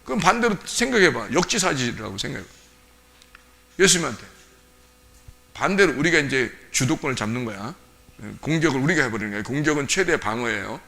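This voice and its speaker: Joking, lively male pastor. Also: medium pitch, a little fast, vocal fry, long pauses. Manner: colloquial, joking, laughs often; lively, animated delivery. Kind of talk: sermon.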